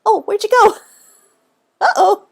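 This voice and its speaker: A Texas woman with a high voice, exuberant and chatty, explains cemetery history as a live stream guest. Her intonation is lively, her pace measured, and there's vocal fry in her speech.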